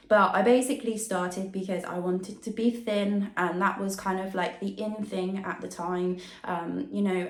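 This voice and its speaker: Young woman with a sore tonsillitis throat. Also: mid-range voice. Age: young adult. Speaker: YouTube vlogger and fitness coach. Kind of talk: casual talk to camera, introduction and Q&A. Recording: roomy indoor echo.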